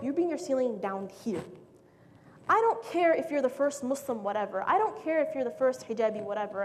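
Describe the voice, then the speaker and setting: A young woman gives a motivational talk in a casual, joking way, full of quick asides. Her voice sits high. The hall lends a long echo, with faint background noise. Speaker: speaker.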